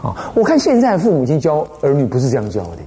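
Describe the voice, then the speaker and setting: A man with a Taiwanese Mandarin accent gives a lively Buddhist dharma lecture as an abbot. He tells stories and keeps asking the listeners rhetorical questions. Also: on the high side, fast, slight background noise. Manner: animated storytelling, frequent rhetorical questions.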